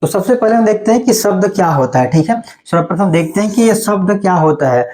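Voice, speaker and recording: A man's voice: high voice, animated, a little mellow. A male teacher giving an online grammar lesson, explaining step by step and checking in after each point. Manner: explains step by step with frequent "theek hai" check-ins; slows down to list terms.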